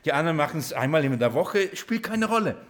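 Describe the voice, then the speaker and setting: Ein Mann, der vor einer Gemeinde predigt, lebhaft und mit Fragen an die Zuhörer, wird für Betonungen oft leise. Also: male voice, a little high, quick pace. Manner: lively preaching, drops to quiet emphatic lines, asks the congregation questions. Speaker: preacher. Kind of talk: sermon.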